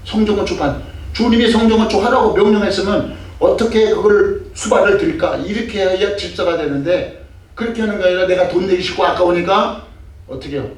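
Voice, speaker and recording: A man's voice: high voice, fairly quick. An older man preaching a sermon as a pastor, emphatic and full of rhetorical questions, sometimes acting out scolding. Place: church sanctuary. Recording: echoey distant church mic with faint noise.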